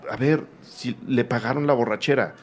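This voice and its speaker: A man hosts a film interview in a medium-pitched voice. He talks at length and drifts into side remarks before he gets to his questions. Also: normal speed. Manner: chatty, rambling asides. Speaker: film show host, interviewer. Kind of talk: casual interview conversation.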